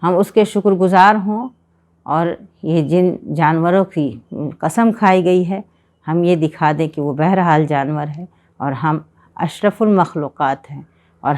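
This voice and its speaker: A woman with a somewhat low voice delivers a religious lecture on a Quran chapter. She talks in a measured, earnest way and builds her points through repeated phrases. She sounds like a teacher guiding listeners. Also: a little mellow.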